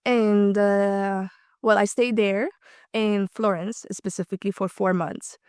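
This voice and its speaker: A Slovak woman in her twenties, a native Hungarian speaker, is a guest on a podcast, chatting casually with lots of ums and soft laughs. Her medium-pitched voice is fairly even, slow, and slightly mellow. The studio sound is clean, with no echo.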